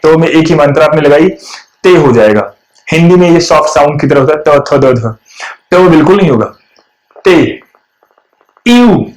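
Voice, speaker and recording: A man teaching the French alphabet letter by letter, patiently and slowly, mixing Hindi and English. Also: fairly high pitch, darkish tone, echoey room, low-quality recording. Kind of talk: language lesson explaining alphabet. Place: room with whiteboard.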